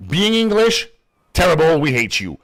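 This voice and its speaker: A young gaming streamer from Quebec, Canada, a native French speaker, talks in English with a Quebec French accent while playing a game, rambling, swearing a lot and laughing often. His voice is on the high side and fairly bright, with huge pitch swings at a moderate pace. The recording is rough.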